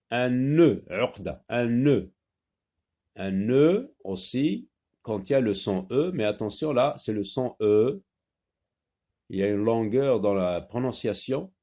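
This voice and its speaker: A man teaching a French phonics lesson, saying each word slowly and repeating it with patience. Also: fairly low pitch, warm tone. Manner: slow, patient, repeats words clearly.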